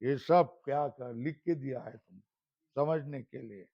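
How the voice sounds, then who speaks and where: Gravelly and measured, this mid-range male voice belongs to a Sanskrit grammar teacher. His lesson runs on question-and-answer drills, with the terms chanted back, and the lo-fi recording sounds slightly dull.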